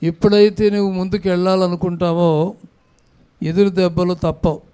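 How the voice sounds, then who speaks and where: Clear-voiced pastor preaching to congregation. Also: male voice, sits high, little pitch movement, normal speed, mellow. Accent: Andhra Telugu. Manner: exhorting congregation to respond aloud. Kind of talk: sermon. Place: church hall with microphone.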